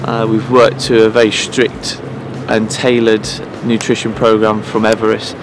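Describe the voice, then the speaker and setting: Standing pitch side in a deserted stadium, a groundsman in his thirties talks to camera for a promotional piece, earnest yet full of fillers, pauses and restarts. His delivery is completely flat, and the background is noisy.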